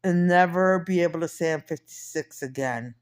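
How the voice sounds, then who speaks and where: A woman in her fifties with a lowish voice chats at a moderate pace as a personal vlogger, rambling diary-style and often repeating and correcting herself.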